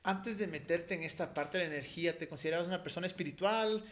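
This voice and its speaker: A woman's voice: lowish voice, quick pace. A woman hosting a casual interview, asking questions and giving encouraging affirmations. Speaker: interview host.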